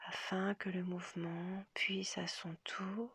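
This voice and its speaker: Speaking with a fairly low pitch and flat delivery, a woman guides a relaxation session as a yoga nidra teacher. She keeps to a breathy, gentle half-whisper with long, measured pauses, and the recording has no echo.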